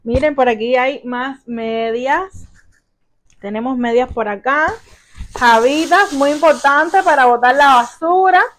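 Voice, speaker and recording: Unboxing gifts at home, this young vlogger from Cuba, who is a mother, gushes and exclaims while calling her viewers family. Her voice is high and a bit bright, with a Cuban accent and a measured pace.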